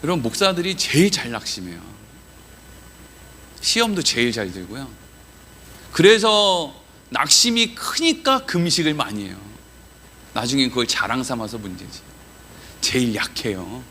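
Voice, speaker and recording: A man's voice: medium pitch, very animated, normal speed, long pauses, sharp tone, a little hiss or hum. A man preaching a Wednesday evening sermon in a church, chatty and joking, quizzing the listeners. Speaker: pastor.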